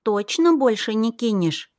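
A woman's voice: high-pitched, lively intonation, a little slow, darkish tone, no echo, studio quality, pitched above the performer's own voice. A woman voicing a stubborn, capricious little girl princess in an audiobook, with a whiny, insistent childish manner. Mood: curious. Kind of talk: audiobook character voice.

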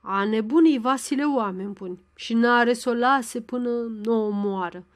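A woman's voice: a little high, natural voice. A woman reading the lines of a frightened old village woman in a storybook, lamenting to the crowd. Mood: alarmed.

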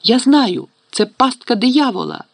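A man voicing a bossy, know-it-all schoolgirl witch who turns shrill and commanding in a panic, in an audiobook reading. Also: a little slow, no room sound.

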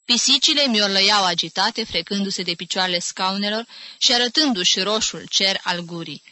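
A woman narrating a literary audiobook in a measured, clear storytelling manner. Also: mid-range voice, pushed and bright, dry recording. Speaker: audiobook reader.

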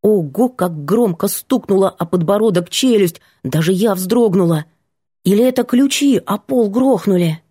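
A woman narrating an audiobook in the first person, with lively, playful storytelling. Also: medium pitch, normal speed, breathy edge, no room sound, clean studio sound.

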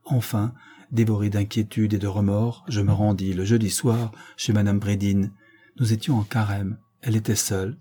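A male audiobook reader with a low voice, narrating a classic tale in the first person with a measured, sombre delivery. His tone is dark and mellow, with a slightly husky edge. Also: flat delivery.

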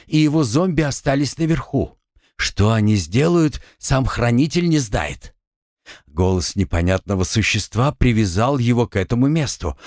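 A man narrating a fiction audiobook with expressive storytelling. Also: medium pitch, no echo, studio quality. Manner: expressive storytelling with acted dialogue.

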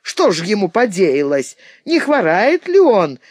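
A woman's voice: mid-range voice, very animated, a little slow, darkish tone, slightly rough, no room sound, studio quality. A woman reading an audiobook, voicing a quarrelsome old mother who wails and scolds shrilly. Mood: shrill scolding.

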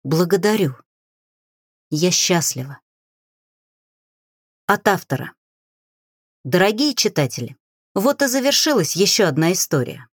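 Playful expressive lady reading a storybook aloud, very lively pitch, dry studio sound. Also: slightly rough, no room sound. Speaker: audiobook narrator. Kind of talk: scripted audiobook narration.

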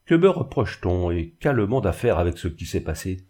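A man's voice: deep voice, very animated, a little fast, a little mellow, slightly rough, exaggerated voice. A man reading the lines of a proud, frightened young woman in an audiobook. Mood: distressed. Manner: trembling, indignant.

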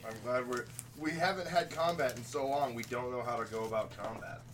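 A man's voice: medium pitch, brisk. A man playing a tabletop game, chatting casually with the other players. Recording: distant mic, noisy background.

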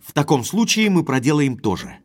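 An actor playing Sir Henry, a spirited, headstrong aristocratic baronet, with emphatic, well-bred phrasing in an audio drama. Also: male voice, fairly high pitch, big pitch swings, a little fast. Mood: decisive, eager.

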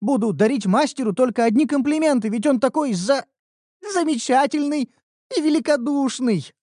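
A complaining young red elf girl, as an audiobook narrator puts her on, pleading and protesting with big swings of pitch. The reading is dry and close with no room sound. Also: expressive, moderate pace, darkish tone, no echo, close to an everyday voice. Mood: whining. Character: whiny young female red elf apprentice. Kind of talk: audiobook character voice.

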